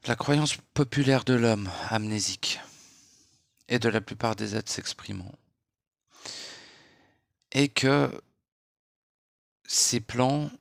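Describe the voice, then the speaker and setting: Gravelly, hushed man. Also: medium pitch, dry recording, clean studio sound. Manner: hushed, unhurried, lecturing with rhetorical questions. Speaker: spiritual speaker. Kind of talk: late-night spiritual monologue.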